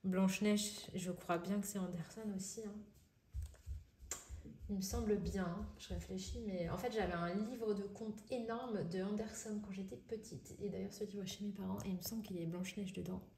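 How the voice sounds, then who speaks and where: A woman's voice: mid-range voice, fairly even intonation, moderate pace, warm tone, roomy sound. French lady rambling through an unboxing, lots of euhs, faint hiss behind, mid voice. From France. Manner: chatty, thinks aloud, frequent fillers. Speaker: vlogger. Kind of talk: casual unboxing chat.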